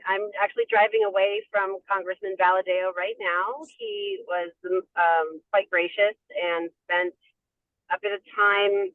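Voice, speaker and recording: Sex: man. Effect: speakerphone from a moving car. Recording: tinny dry phone line. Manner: hesitant, restarts often. Pitch: high for a man. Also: no room sound. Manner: hesitant, many ums and restarts. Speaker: advocacy member calling in. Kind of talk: casual update on a conference call. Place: inside a car while driving.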